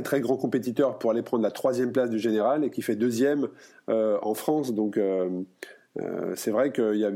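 A man hosting a podcast interview, talking in a relaxed way with many hesitations. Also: mid-range voice. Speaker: podcast host.

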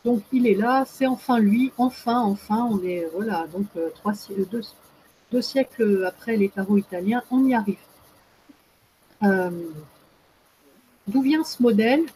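A woman's voice: medium pitch, a little slow, pauses often, warm tone, a little hiss or hum, low-quality recording. A woman explaining as a guest expert in casual talk, hesitant, with many fillers and restarts.

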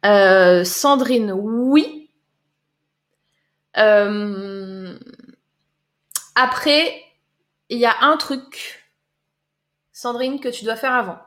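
Chatty woman coach with a higher voice. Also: extremely slow, pauses often, fairly bright tone. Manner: chatty, loose, repeats words and fills with euh. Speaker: life coach. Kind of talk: live-stream Q&A answering chat comments.

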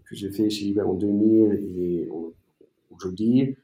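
A man from East Germany, a native German speaker, answering interview questions in a halting way with many fillers and restarts. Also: fairly low pitch, dark tone, echoey room. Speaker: entrepreneur guest.

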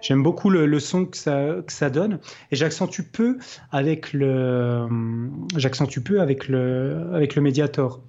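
Man talking guitar, slightly high voice. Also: unhurried. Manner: relaxed, thinking aloud with many hesitations. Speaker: guitarist and podcast host. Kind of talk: casual explanatory chat with playing demos. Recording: slightly dull lo-fi sound. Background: faint guitar playing.

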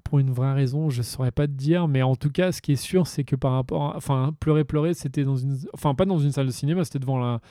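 He is a man with a smooth, resonant, mellow voice, recorded dry. He talks casually and rambles with a relaxed flow. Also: medium pitch, fast talker, few pauses, no room sound. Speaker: interviewee. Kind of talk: casual interview answer.

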